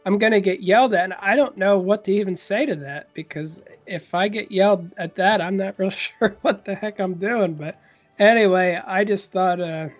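A man with a notably high voice chats on a podcast, rambling through a story and restarting his sentences as he goes. The audio is slightly muffled, with faint music underneath. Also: moderate pace, hardly any pauses. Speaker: podcast co-host. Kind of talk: casual chat.

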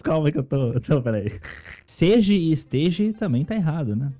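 Mock-indignant Brazilian man, warm voice. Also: a little high, very animated, moderate pace, soft background music. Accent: Brazilian Portuguese. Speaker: co-host. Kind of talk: casual comedic chat.

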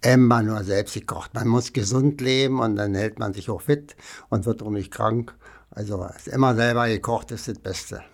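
A man's voice: on the low side, normal speed, gravelly. A man, chatting casually as an interview guest and rambling with many fillers. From Berlin, Germany. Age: 80s.

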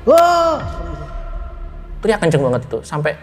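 A man's voice: medium pitch, fairly quick, a little mellow, soft background music. A man as a guest in a casual interview, telling a ghost story in loose, chatty speech with restarts, often addressing the listener directly.

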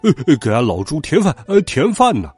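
A man's voice: mid-range voice, huge pitch swings, moderate pace, a little mellow, slightly rough, soft background music. A man voicing a big, greedy pig-man monk who grunts between his words, for a storybook.

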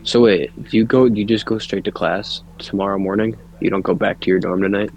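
A young man hosts a loose, joking podcast, teasing his friend as they talk. His voice is low and full of gravelly fry. A faint noise hangs under the talk. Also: fairly even intonation, fairly quick, a little mellow, rough recording. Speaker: podcast host. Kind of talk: casual chat.

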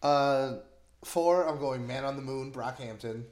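A man's voice: medium pitch, a little slow, darkish tone, roomy sound. A man hosting a casual music podcast, talking enthusiastically with lots of fillers. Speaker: podcast host. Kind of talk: casual chat.

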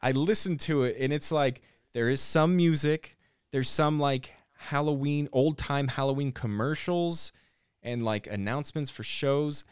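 A man hosting a podcast in a studio, chatting casually, relaxed and rambling with lots of fillers and restarts. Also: mid-range voice, measured pace, smooth, dry recording. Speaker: podcast host. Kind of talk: casual chat.

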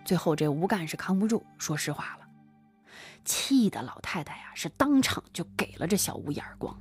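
Woman storyteller, dramatic and sigh-heavy, very lively pitch, soft music underneath. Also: normal speed. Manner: dramatic, full of sighing interjections. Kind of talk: animated storytelling chat.

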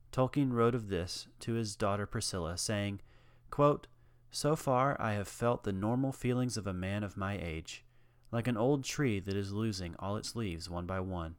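Low-voiced man narrating a biography, dry. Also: no room sound. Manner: measured, earnest storytelling with read-out quotations. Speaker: documentary narrator. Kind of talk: scripted narration.

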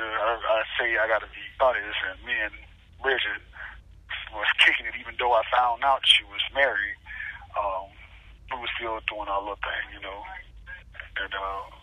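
A man's voice: on the low side, little pitch movement, unhurried, pauses often, bright, forceful tone. Guarded man on a prison phone line. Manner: guarded, hesitant, many ums. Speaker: guest speaking by phone from prison. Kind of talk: casual storytelling.

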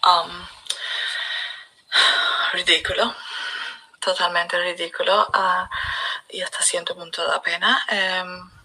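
A middle-aged woman from Puerto Rico with a Puerto Rican accent tinged with British English. She answers questions softly and quietly, switching between Spanish and English. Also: level tone, slow pace, long pauses, husky, low-quality recording. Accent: Puerto Rican Spanish with some British English. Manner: soft, low-volume talk mixing Spanish and English. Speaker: interviewee in a played voice clip.

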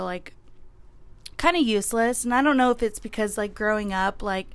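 A woman's voice: medium pitch, fairly bright tone, no room sound. A young woman with a nasal voice, congested and sniffly from a cold, hosting a casual, candid, rambling solo podcast. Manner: candid, rambling, informal with swearing. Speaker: podcast host.

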